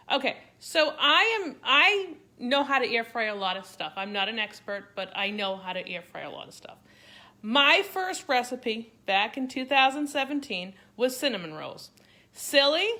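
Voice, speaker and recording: A middle-aged woman with a Boston accent walks viewers through a recipe on a home cooking live stream, speaking into her device mic. Her fairly high voice sounds pushed and bright as she chats and rambles, talking straight to her audience.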